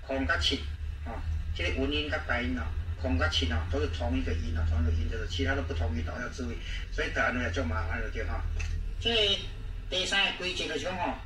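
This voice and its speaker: A man with a Taiwanese accent teaching a language lesson, repeating words slowly and often trailing off with "ha" and "oh". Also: mid-range voice, pushed and bright. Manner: repetitive, drawn-out, frequent "ha, oh" fillers. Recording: echoey room, distant mic, faint noise.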